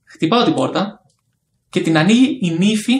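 A man telling a personal story casually, acting out the dialogue with lively energy. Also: high-pitched. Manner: animated, acts out quoted dialogue. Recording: echoey room with faint background noise.

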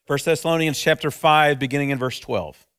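A man's voice: a little high, a little fast, clean tone. Preaching man at a pulpit microphone. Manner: earnest, steady preaching with repeated phrases. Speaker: pastor. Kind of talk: sermon.

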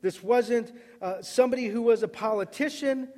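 High-voiced pastor preaching in a reverberant hall. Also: male voice, normal speed. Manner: emphatic, repeats words, builds to loud cries then drops soft. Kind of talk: sermon.

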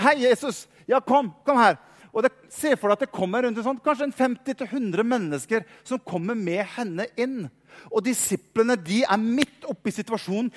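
A man preaching a lively sermon, telling the story with animated voices and repeated words. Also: sits high. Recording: long hall reverb.

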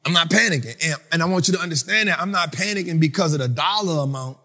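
A man hosting a finance talk for a live audience, in a casual, animated storytelling style that acts out other people. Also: on the high side, fast talker, big-room sound. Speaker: finance speaker and host. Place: event venue with an audience.

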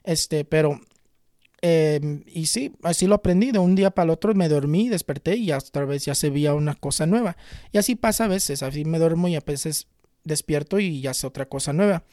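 A man in his twenties, a tarot reader and spiritual healer, telling a personal story in an earnest, unhurried way with frequent restarts. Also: a little high, dark tone, no room sound, clean studio sound. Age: 20s. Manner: earnest, unhurried, often restarts and repeats words. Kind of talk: casual personal storytelling to camera.

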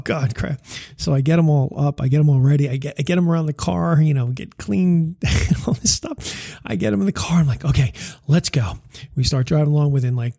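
A man with a slightly husky voice tells a family story in a loose, rambling way, full of "you know" and "right?" asides. He chuckles at his own mishaps and then turns reflective. The sound is close and dry. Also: fairly high pitch, mellow, no room sound. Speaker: parent telling a family story. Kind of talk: casual personal storytelling turning reflective.

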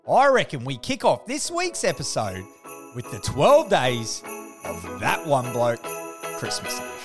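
An Australian man hosting a casual comedic podcast with slangy, sweary, blokey tradesman banter. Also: very high-pitched. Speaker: podcast host.

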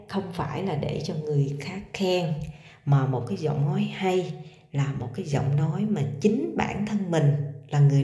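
A woman's voice: deep voice, dark tone, reverberant. A woman coaching on speaking voice, chatting directly to her listeners with frequent hesitation fillers. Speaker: voice coach and podcaster. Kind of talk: casual advice talk to viewers.

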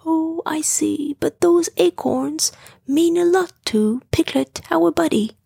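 A woman voicing a gentle, slow-thinking male bear in a storybook, speaking softly. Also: very high-pitched, gravelly, no echo, studio quality, voice pushed up, exaggerated voice. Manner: soft and gentle.

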